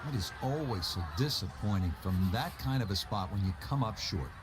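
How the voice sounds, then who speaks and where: A man giving play-by-play golf commentary as lead announcer, in measured, folksy broadcast phrasing. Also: on the low side, animated, noisy background, lightly acted.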